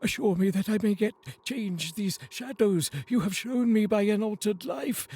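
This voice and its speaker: A man's voice: sits high, moderate pace, dark tone, husky, pitched above the performer's own voice. Scrooge, a man doing a frantic old miser. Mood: desperate pleading. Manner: desperate, pleading, trembling. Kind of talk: audiobook reading.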